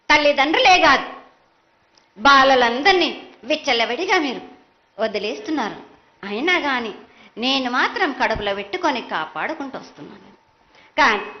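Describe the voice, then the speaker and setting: A woman speaking as a mother goddess in a prophetic trance at a festival ritual, chanting insistent, repeated phrases in reproach and demand. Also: high voice. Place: live temple festival ritual. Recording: dull lo-fi live broadcast sound.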